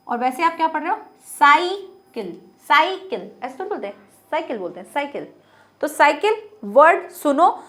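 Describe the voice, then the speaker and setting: A young woman with a high voice teaches a Hindi grammar lesson to students. She explains patiently, puts questions to the class and answers them herself. She repeats words again and again to model their sound.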